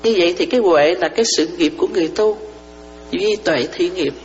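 Nun giving a dharma talk in a reverberant hall. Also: female voice, on the low side, fairly quick, a little mellow, faint music behind. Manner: explains with parables, often checks that listeners understand. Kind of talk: dharma talk to lay followers. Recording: reverberant hall, dull lo-fi sound, faint mains hum.

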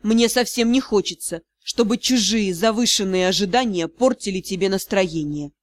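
A cold, commanding nobleman, voiced by a woman reading a storybook, pitched well below her own voice. He speaks with icy, unhurried politeness and never raises his voice. The sound is dry and close. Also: no echo, close to an everyday voice. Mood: icy polite. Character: cold, commanding aristocratic lord, a male academy director. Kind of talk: audiobook character voice.

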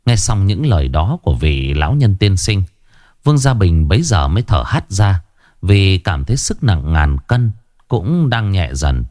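A man narrating a historical folk tale in a steady, expressive storytelling voice. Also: low-pitched, unhurried.

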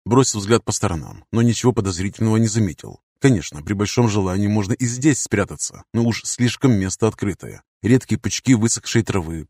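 A man's voice: on the low side, a little mellow, slightly rough, no room sound, studio quality. A man narrating an audiobook in the first person, in a wry, cynical, matter-of-fact manner.

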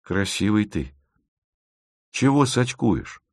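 Reader as a soft-spoken young tinkerer in an audiobook, low and hushed. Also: male voice, sing-song, slow pace, no room sound, clean studio sound, heavily acted. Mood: quiet. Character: modest gentle young male tinkerer.

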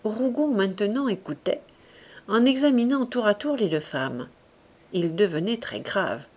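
A woman narrating a classic novel as an audiobook reader, in a steady, expressive storytelling manner. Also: medium pitch, unhurried. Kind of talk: scripted literary narration.

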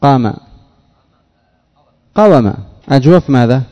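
A man teaching a classroom lesson, putting questions to his students and drilling word patterns slowly. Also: medium pitch, expressive, warm tone. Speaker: teacher of Arabic morphology. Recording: dull audio with long hall reverb.

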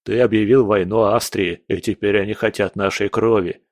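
A man voicing a tired count who speaks in a low, reproachful and resigned way. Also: steady tone, moderate pace, dry recording, studio quality, natural voice.

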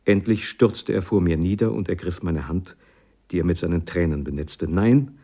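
A man narrates a classic story in the first person, expressive and dramatic. His voice is fairly low. It is a radio reading of literature. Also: moderate pace. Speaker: reader.

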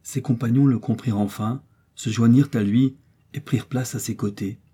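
A man narrating a classic adventure novel as an audiobook, telling it with steady drama. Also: mid-range voice, moderate pace, husky. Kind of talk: scripted narration.

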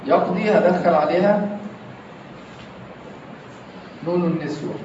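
A man's voice: high-pitched, measured pace, darkish tone, slight background noise. A man with an Egyptian accent teaching grammar in a classroom, quizzing his students again and again. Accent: Egyptian Arabic. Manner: quizzing students with repeated questions. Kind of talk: classroom lesson. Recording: echoey classroom, distant, dull lo-fi.

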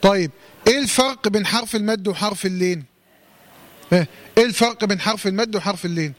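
High-voiced Egyptian man teaching recitation. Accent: Egyptian Arabic. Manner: quizzing, asks questions and answers them himself; slowly drawn-out recitation demos. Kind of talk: Quran recitation lesson.

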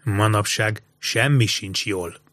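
A man voicing a wary, gloomy older boy who speaks low and grumbling. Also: a bit bright, no room sound, lightly acted.

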